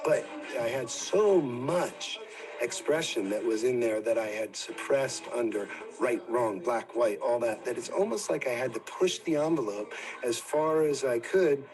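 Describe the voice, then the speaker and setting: A man from New Jersey, a former preacher, gives an earnest, halting personal testimony for a documentary, sometimes dropping to near whispers. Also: medium pitch, over music, low-quality recording. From Wildwood, New Jersey, USA.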